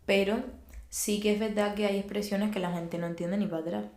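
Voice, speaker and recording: A woman's voice: mid-range voice, brisk. A young woman with a Cuban Spanish accent, chatting casually as a podcast guest and acting out quoted dialogue as she tells stories. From Cuba. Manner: animated storyteller, acts out quoted dialogue. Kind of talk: casual chat. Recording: roomy echo.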